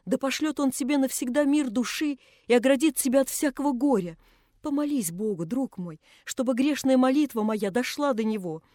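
A woman's voice: high-pitched, animated, normal speed, dark tone, no room sound, clean studio sound. A woman reading the part of an old father who speaks tenderly and tearfully to his daughter. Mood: blessing.

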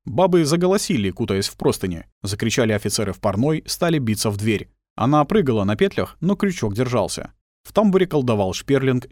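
Чтец аудиокниги, читает ярко и живо, без эха. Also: male voice, lowish voice, no echo, studio quality. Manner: vivid, expressive reading. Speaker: audiobook narrator. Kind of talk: war audiobook narration.

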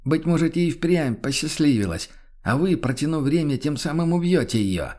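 A man's voice: fairly high pitch, expressive, normal speed, darkish tone, voice pushed up, lightly acted. A man voicing a cautious middle-aged innkeeper in an audiobook, objecting hesitantly. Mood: pleading.

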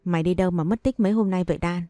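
A caring older sister from an audio story, blunt and practical, as a woman reads her. The voice is low and warm over faint music, recorded dry. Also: very fast, no echo, natural voice.

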